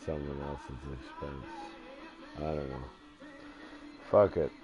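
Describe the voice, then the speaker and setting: A man live-streaming a game from his dim living room, rambling in a sleepy, drowsy monotone. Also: rumbling low, slow. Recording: dull lo-fi stream audio with faint music.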